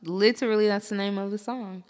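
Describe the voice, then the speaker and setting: A woman, hosting a podcast in animated, slangy, profane banter. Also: medium pitch, long reverb tail. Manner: animated, slangy, quick to laugh. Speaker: podcast host.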